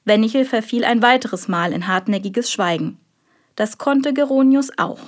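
A woman narrating an audiobook in a measured, even storytelling manner. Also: on the high side. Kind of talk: scripted narration.

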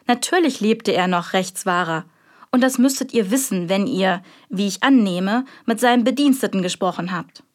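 A woman's voice: mid-range voice, normal speed, natural voice. A woman reading an audiobook, voicing a defensive merchant in his thirties who speaks in a velvety, haughty manner. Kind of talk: audiobook character voice.

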